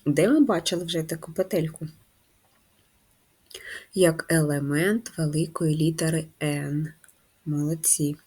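A woman teaching a handwriting lesson to first graders, patient and slow, guiding the children step by step. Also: low-pitched, fairly even intonation, darkish tone, husky. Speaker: primary school teacher.

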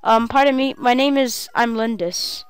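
A woman reading out an earnest young woman of the plains from a game, in a quiet voice. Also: fairly high pitch, moderate pace, clear, resonant tone, dry recording, close to an everyday voice. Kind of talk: reading game dialogue aloud.

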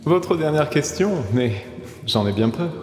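A man voicing a sinister masked male wizard who speaks with mocking, menacing calm, heard with heavy echo and long reverb. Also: a little high, unhurried, voice pushed up. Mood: mocking menace. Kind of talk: audiobook character voice.

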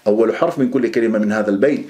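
A man's voice: on the low side, racing, dark tone. A man teaching Quran pronunciation, stretching out sounds to demonstrate them and firmly correcting common mistakes. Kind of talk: pronunciation lesson.

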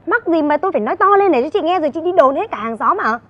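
A woman's voice: sits high, animated, rapid-fire, muffled recording. An actress playing a fussy, flustered mother in a stage comedy sketch, full of exclamations. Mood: arguing.

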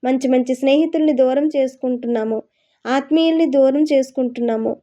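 High-pitched woman preaching a sermon. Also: a little fast, mellow, lo-fi sound. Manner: earnest, coaxing with rhetorical questions.

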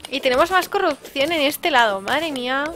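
A high, bright woman's voice with a Spain Spanish accent, commenting on gameplay in a chatty, excitable way. Faint game music plays behind her. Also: moderate pace. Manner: chatty and excitable, with sudden exclamations. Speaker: let's-play host.

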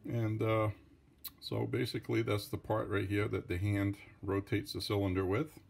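A man's voice: on the low side, little pitch movement, moderate pace, vocal fry, very noisy. A Franco-American man with a French-Canadian accent, giving a casual hands-on tutorial with rambling, defensive asides. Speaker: hobbyist revolver tinkerer.

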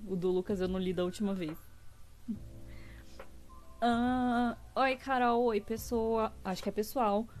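A woman's voice: mid-range voice, a little mellow. A young woman with a Brazilian accent, chatting casually on a live stream and reading viewers' texts aloud, gushing over cute drawings. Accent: Brazilian Portuguese.

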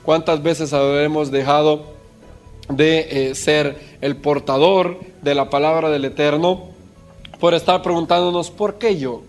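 A man's voice: on the high side, steady tone, a little slow, soft background music. A man preaching a sermon, telling a story and putting questions to his listeners. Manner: storytelling, asks the congregation questions.

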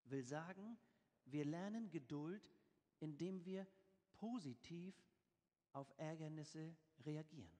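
A man preaches in a church, his high voice carrying a long reverb through the hall. He reads scripture with emphasis and then explains it in plain, everyday words. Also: animated, slow, mellow. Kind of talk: sermon.

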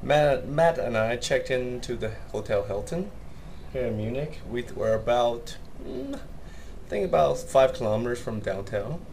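A man's voice: medium pitch, animated, a little slow, vocal fry, darkish tone, slight background noise. A man chatting and joking as he narrates a road trip vlog to an action camera, inside a car and out. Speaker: vlogger. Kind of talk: casual travel vlog chat. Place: car interior and outdoors on the go.

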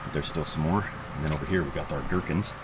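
A man in his thirties casually walking through his backyard garden, talking in a relaxed, rambling way with lots of fillers, filmed on a handheld camera outdoors. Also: extremely low pitch, quick pace. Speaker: homesteading vlogger. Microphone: camera held at arm's length. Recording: outdoor background noise.

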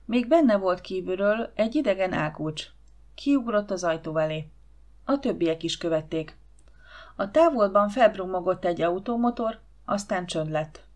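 A woman's voice: mid-range voice, animated. A woman reading an audiobook aloud, acting out the dialogue with shifting voices. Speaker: audiobook reader. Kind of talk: audiobook narration.

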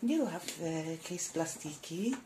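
A woman's voice: low-pitched, expressive, brisk, background noise. Algerian woman teaching a recipe. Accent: Algerian Arabic. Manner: friendly, addresses viewers as sisters. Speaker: cooking channel host. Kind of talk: cooking tutorial.

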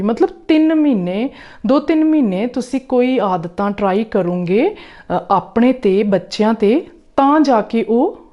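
Mellow-voiced woman coaching parents. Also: mid-range voice, lo-fi sound. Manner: warm, coaxing, often checks in with "right?". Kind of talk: talk to camera giving parenting tips.

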